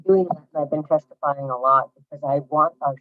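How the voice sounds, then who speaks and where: A woman testifying on a remote call through a headset, her audio cutting in and out with clipped endings as she speaks haltingly and apologetically. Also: sits low, dry recording. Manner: halting, apologetic, trailing off mid-sentence. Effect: choppy audio cutting in and out, clipped endings. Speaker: public testifier calling in. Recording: dry, tinny call-in line.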